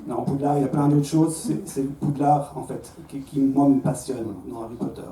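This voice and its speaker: A Belgian man in his thirties, speaking with a Belgian French accent, mocks himself in a stand-up set at a comedy club, stumbling into stammered restarts. His medium-pitched, mellow voice keeps a fairly even intonation at a moderate pace, with a little hiss or hum. A faint crowd is heard in the roomy, distantly captured club sound.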